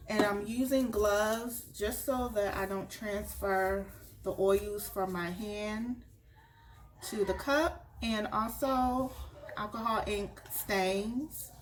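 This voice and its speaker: A crafter working on a tumbler project talks through her tutorial at home as she works, slow and relaxed, and a bit sniffly from allergies. Her voice is mid-range, with slight background noise.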